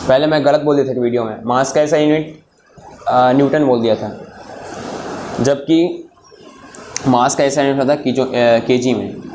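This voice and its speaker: A man teaching a class of students as a physics tutor, coaxing them to think and dictating notes slowly word by word, his throat sore from long talking. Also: medium pitch, background noise.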